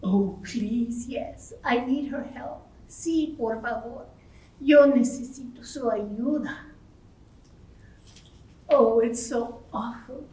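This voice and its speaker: A woman's voice: on the high side, slow pace, pauses often, mellow. A woman doing a hiccuping puppet ghost. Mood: fretful. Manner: bilingual, repeating each line in English and Spanish, stammering on hiccups. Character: friendly ghost with hiccups, female, gentle. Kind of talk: bilingual children's puppet show. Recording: echoey room, far from the mic.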